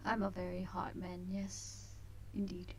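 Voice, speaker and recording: A woman voicing a resigned, wry male visual novel protagonist in a dry, unhurried manner. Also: fairly low pitch, breathy edge, heavily acted.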